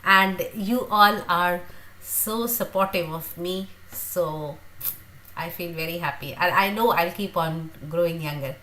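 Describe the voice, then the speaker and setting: A woman's voice: on the low side, sharp tone, slight background noise, rough recording. Lady in her 50s chatting on a livestream, friendly q&a, stops and starts with lots of uhs. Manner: chatty and grateful, many pauses and fillers. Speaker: teacher and livestream host. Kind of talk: casual livestream Q&A chat.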